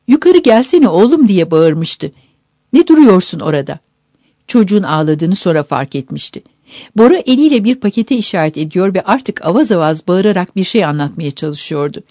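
Mellow-voiced woman narrating an audiobook. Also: on the low side, no echo, clean studio sound. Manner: steady, measured storytelling.

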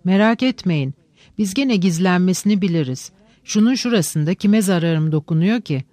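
A reader plays an eager, excitable man who talks with theatrical flair. The voice stays close to the narrator's own. It is a dry, close audiobook recording. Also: medium pitch, moderate pace, no room sound, lightly acted. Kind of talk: audiobook reading.

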